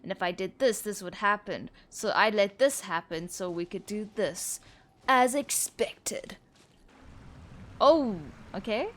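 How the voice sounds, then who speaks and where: With an animated, mid-range voice and a slow pace, a young woman rambles informally through let's-play commentary. She thinks aloud while she plays, accompanied by game music.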